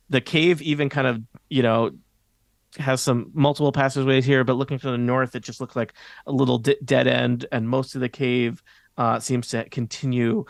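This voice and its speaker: A man running a tabletop game as game master, narrating scenes to players in halting, hesitant phrases with a creaky voice. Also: mid-range voice, no echo.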